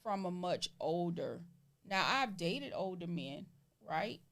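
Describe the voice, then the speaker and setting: A woman in her forties co-hosting a talk show in casual chat, quick to agree and affirm the others. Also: lowish voice, animated, gravelly, a bit bright. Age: 40s.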